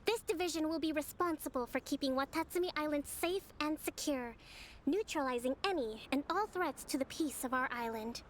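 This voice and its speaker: An actress playing a gentle, dignified young priestess and military leader in a video game, speaking in formal, measured phrases. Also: female voice, high-pitched, slight background noise, natural voice. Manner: formal, measured, composed diction. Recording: game music behind the voice.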